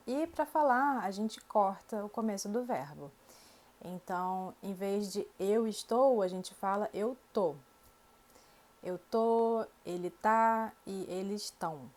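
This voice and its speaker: Brazilian woman teaching Portuguese, clear and patient. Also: medium pitch, a little mellow. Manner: clear, slow teaching with spoken examples. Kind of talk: language lesson to camera.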